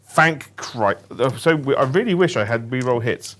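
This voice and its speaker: A man's voice: mid-range voice, expressive, moderate pace, a bit bright. Playful man with a bouncy, rising voice. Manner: playful, narrates moves with silly sound effects. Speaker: tabletop wargame player. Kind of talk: casual banter during a game.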